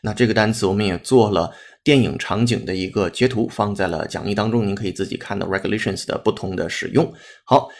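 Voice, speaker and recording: Teacher guy explaining pronunciation, spells stuff out, repeats words slow. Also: on the low side, creaky, slight background noise. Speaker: English teacher. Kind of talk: pronunciation lesson.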